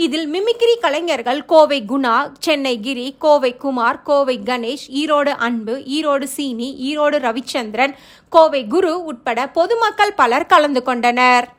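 A woman with a high voice reads a scripted news report. Her delivery is even and formal. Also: a little slow. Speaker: news narrator.

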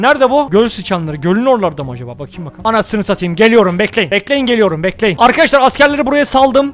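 A man with a Turkish accent giving rowdy gameplay commentary, swearing and shouting at the characters on screen. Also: very high voice. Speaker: gaming YouTuber.

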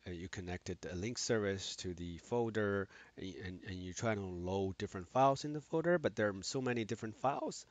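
In a screen-recorded software tutorial, a male instructor with a low voice explains haltingly, restarting often and using lots of fillers. There is no echo on the recording.

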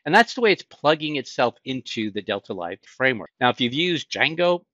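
A middle-aged Boston-accented instructor with a mid-range, expressive voice leads a screen-share tech tutorial at a brisk clip, his tone pushed and bright. He keeps it conversational, posing questions to himself and then answering them. The recording is dry, with a dull lo-fi sound.

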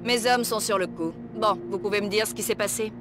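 A woman playing a brisk, businesslike small-town sheriff in a video game. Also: medium pitch, fairly even intonation, background noise, close to an everyday voice.

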